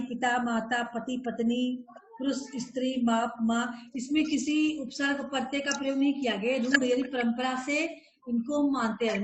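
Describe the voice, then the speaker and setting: A woman school teacher leading a grammar class, slowly listing word pairs for her students. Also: high-pitched, roomy sound, rough recording. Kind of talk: online Hindi grammar class.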